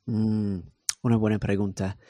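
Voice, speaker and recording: A man whose first language is English, a software engineer talking as a podcast guest in a relaxed way, with many fillers and English words slipped in. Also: on the low side, a little slow, no room sound, studio quality. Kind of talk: casual interview conversation.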